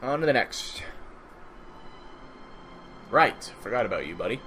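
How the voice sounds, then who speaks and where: A man casually commentating a strategy game at home, relaxed and rambling, thinking aloud, a bit sleepy. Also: medium pitch, unhurried, soft background music. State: sleepy, just woke up. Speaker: gaming channel host. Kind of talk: casual let's-play commentary.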